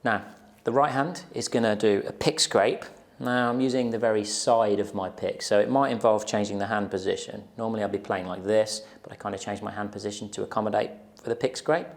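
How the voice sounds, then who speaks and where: A gravelly, lowish male voice with a steady tone and brisk pace leads this guitar tutorial. The teacher, in his thirties, explains informally to camera and keeps checking in with the viewer, recorded on a lapel mic in a small plain indoor room.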